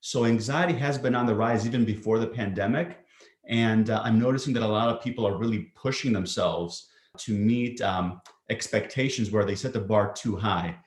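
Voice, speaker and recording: A male psychiatrist answering interview questions thoughtfully, often pausing with ums and restarting sentences. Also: fairly low pitch. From Greece. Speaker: psychiatrist guest. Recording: roomy echo.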